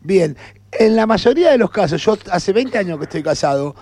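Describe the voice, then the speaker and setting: High-voiced Rioplatense radio host. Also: male voice, expressive, a little fast, a little mellow, no room sound, faint music behind. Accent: Rioplatense Spanish. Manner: joking, informal, reads out posts. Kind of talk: radio interview.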